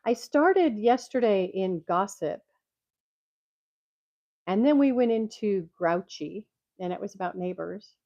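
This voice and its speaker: An older woman vlogger reads jokes in a casual chat at home, rambling and laughing often, through a microphone clipped to her glasses. She sounds congested and tinny like a tin can, in a dull, lo-fi, dry recording with no echo. Her medium-pitched, mellow voice has lively intonation, and she takes it slowly with long pauses.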